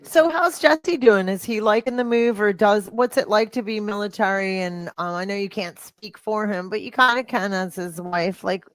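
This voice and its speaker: A woman's voice: mid-range voice, moderate pace, hardly any pauses, a bit bright, no echo. A woman hosting a podcast in casual chat, asking eager, chatty questions. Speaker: podcast host.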